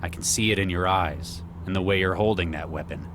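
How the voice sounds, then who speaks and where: An actor as a grave, remorseful male agent in a sci-fi game. His voice is very low, measured and earnest, with clear noise behind it. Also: close to an everyday voice. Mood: calm, persuasive. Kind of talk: video game voice acting.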